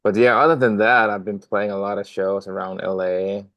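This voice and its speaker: Speaking as a podcast guest, a young man from Denmark who plays drums chats casually, his friendly rambling packed with fillers and restarts. His voice is lowish and a bit bright, with little pitch movement and a moderate pace. No room sound is audible.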